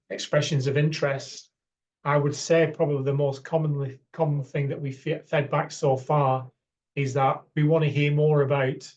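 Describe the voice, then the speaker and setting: A man presenting a funding call in an online session, his voice flat and little varied in pitch. He speaks haltingly, with frequent ums and repeated words. The sound is dull and lo-fi, like call audio. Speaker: academic presenting a funding round.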